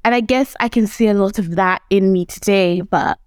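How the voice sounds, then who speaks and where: Speaking as a guest in an animated, informal interview, this young woman from Zimbabwe, a native Shona speaker, performs the voices she quotes. The recording is studio quality with no echo, and her mid-range voice is clean and moderately paced.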